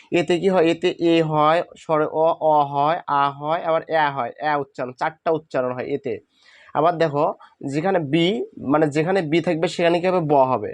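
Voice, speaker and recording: Patient male teacher, higher voice. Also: dry recording. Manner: patient, repeats questions and answers them himself. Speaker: English teacher. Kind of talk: spoken classroom lesson.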